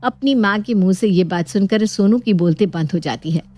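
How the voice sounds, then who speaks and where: A woman narrating a cartoon bedtime story in a steady storytelling manner. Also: medium pitch, moderate pace, faint music behind.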